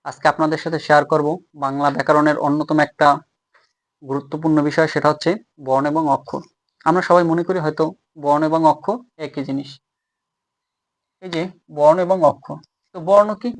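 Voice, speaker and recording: A man's voice: fairly high pitch, fairly even intonation, a little fast, long pauses. A young man teaching a grammar lesson, explaining step by step and asking and answering his own questions as he writes.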